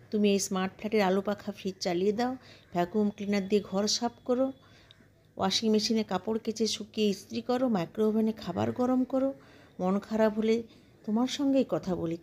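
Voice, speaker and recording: A woman's voice: medium pitch, warm tone, close to an everyday voice. A woman voicing a frantic young male coder who barks urgent, exasperated orders at his robot.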